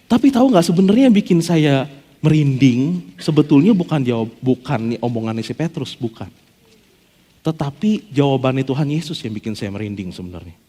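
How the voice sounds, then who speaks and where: A man's voice: mid-range voice, fairly quick. A man preaching a casual, joking sermon as a pastor, acting out quotes as he goes. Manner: animated, jokey, acts out quotes. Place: church hall. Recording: long hall reverb.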